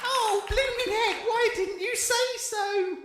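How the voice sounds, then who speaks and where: A woman's voice: extremely high pitch, takes it slowly, in a large hall, over a noisy crowd, very noisy. A woman playing a fussy, scolding comic mother in an amateur audio pantomime. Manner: scolding, exclamatory.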